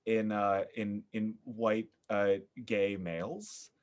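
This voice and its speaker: A man appears as a podcast guest talking about theater, thoughtful and halting, often repeating words while he hunts for the right phrasing. His pitch is fairly low and his delivery flat.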